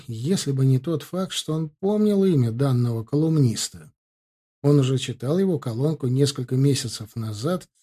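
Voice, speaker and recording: A man narrating a fantasy novel in measured, expressive scripted narration. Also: medium pitch, slightly rough. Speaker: audiobook narrator.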